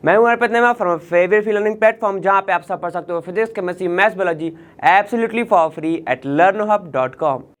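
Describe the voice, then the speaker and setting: A man's voice: high voice, normal speed. A man teaching an online chemistry lesson in casual Hindi mixed with English terms. He explains step by step, keeps checking in with "ठीक है" and asks questions aloud. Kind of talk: online exam-prep lesson.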